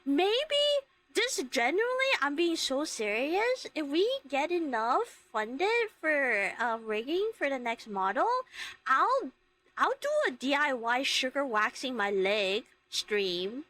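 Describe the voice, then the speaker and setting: Female livestream host, casual and giggly; bright, forward tone with big pitch swings, expressive rambling chat. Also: slow pace. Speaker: livestream host, VTuber streamer. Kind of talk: casual chat with live viewers.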